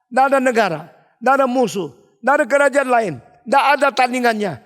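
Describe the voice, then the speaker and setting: A man with a notably high voice preaches an expository sermon, telling stories emphatically and stopping often to ask rhetorical questions. His words ring out with a long reverb, as in a large hall. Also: fast talker, a bit bright. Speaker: pastor.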